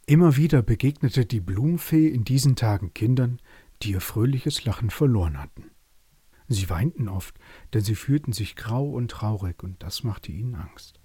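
A man narrating a bedtime story calmly and gently. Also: mid-range voice, normal speed, husky, dry recording.

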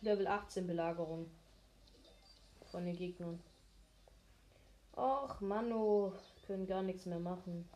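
A woman giving casual, low-key, mildly grumbling commentary on her own gameplay. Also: flat delivery, moderate pace, long pauses, darkish tone, slight background noise. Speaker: gamer commentating own play.

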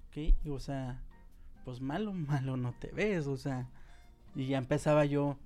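Man, mid-pitched, reflective and self-mocking, guest on a chat show with faint music behind. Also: a little slow, darkish tone. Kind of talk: personal storytelling in casual chat.

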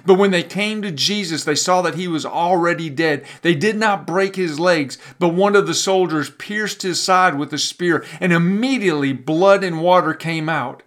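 A man preaching a sermon as pastor, building emphasis with dramatic pauses and sometimes repeating words as he pushes a point. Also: fairly high pitch, fairly bright tone.

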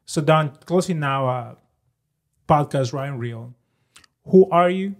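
Podcast host guy, gravelly voice, pretty high, casual chat. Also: slow pace. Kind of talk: casual conversation.

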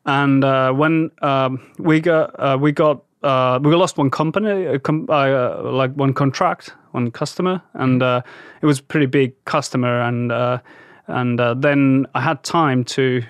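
Finnish-native male guest, halting and thoughtful, close dry recording. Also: mid-range voice, fairly even intonation, smooth, no room sound. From Eastern Finland. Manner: hesitant, many fillers, searching for words. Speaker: guest, bike company founder and designer. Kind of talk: casual interview.

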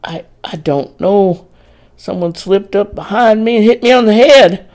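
Casting: a man playing a dazed, hurt farmhand, gravelly and slow-spoken, halting and urgent. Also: sits high, a little mellow, pitched above the performer's own voice. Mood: shaken. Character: injured male farmhand, shaken and worried.

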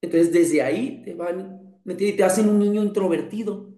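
A man with a high voice and a mellow, warm tone talks as a guest in a relaxed conversation. He sounds earnest and reflective, often breaking off and restarting his thoughts. The room gives his voice a noticeable echo. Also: normal speed. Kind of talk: casual conversation.

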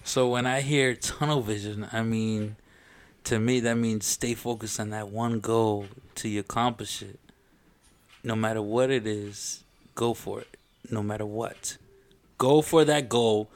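A man's voice: fairly low pitch, steady tone, a little slow. A man hosting a casual podcast, playful and fond of short, punchy repeated phrases. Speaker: podcast host.

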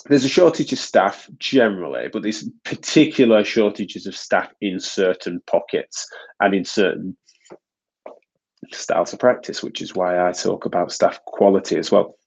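Congested and nasal, this male podcast host from the UK works as a physiotherapist and speaks in a deep, creaky, husky voice with a darkish tone. He keeps a moderate pace while rambling casually with frequent restarts, captured in dull lo-fi audio.

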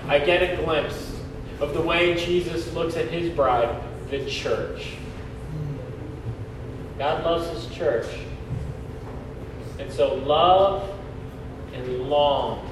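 A man preaching a sermon as pastor, emphatic, posing questions and answering them, then leading a prayer, with a cathedral-like booming echo. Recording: heavy hall echo, distant mic, faint noise.

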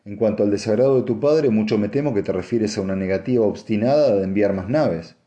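A tired old commodore with a dry, sarcastic bite, as the male narrator voices him. The voice stays low and mellow, close to the reader's own. It is slow and weary, even when it sounds spiteful. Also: dull audio, natural voice. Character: aging, tired commodore, sour and sardonic.

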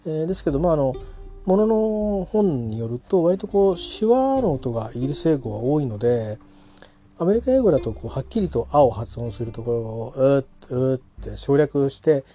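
A man learning English pronunciation casually reviews a pronunciation book aloud, rambling, often correcting himself, and using many fillers. His fairly high voice is mellow, swings widely in pitch, and moves at a moderate pace.

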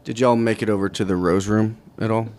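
A man co-hosting a podcast, asking questions in a relaxed, plain-spoken way. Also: fairly low pitch, fairly quick. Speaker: podcast co-host. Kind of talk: casual chat.

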